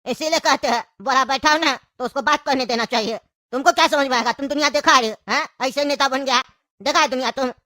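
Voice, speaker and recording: A woman's voice: high-pitched, quick pace, dry recording, clean studio sound. A woman voicing a bossy, mocking know-it-all man in a comedy skit, with a Bhojpuri-region Hindi accent. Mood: teasing. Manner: scolding, mocking, loud.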